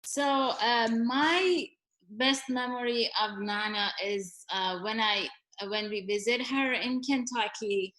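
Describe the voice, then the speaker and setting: A woman sharing memories of her grandmother and gently coaxing a small child, speaking hesitantly with many fillers. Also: a little high, slow pace, rough recording. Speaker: parent prompting her child. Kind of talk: casual spoken tribute.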